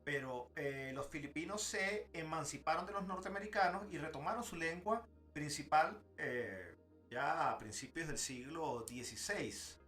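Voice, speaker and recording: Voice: mid-range voice, normal speed, fairly bright tone. Eager podcast co-host, asks questions, casual talk, faint music behind.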